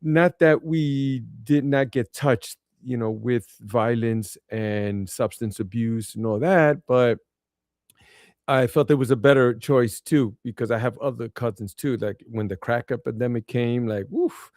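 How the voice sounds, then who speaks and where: A man's voice: mid-range voice, steady tone, measured pace, a little mellow, dry recording. Man, Brooklyn accent, podcast host, streetwise colloquial talk, casual, repeats phrases, very dry room sound. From Brooklyn, New York. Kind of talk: casual conversation.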